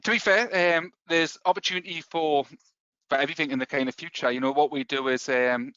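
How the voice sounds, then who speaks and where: A man with a Geordie accent giving a quick, filler-heavy sales presentation on a webinar. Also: fairly high pitch, steady tone, sharp tone, clean tone, no echo, muffled recording. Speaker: software company presenter. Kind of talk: webinar product pitch.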